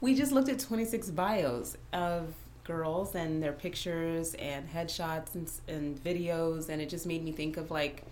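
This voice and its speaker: A woman's voice: low voice, slight background noise. A young adult woman co-hosting a podcast, giggling and bantering casually. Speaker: podcast co-host. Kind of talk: casual chat.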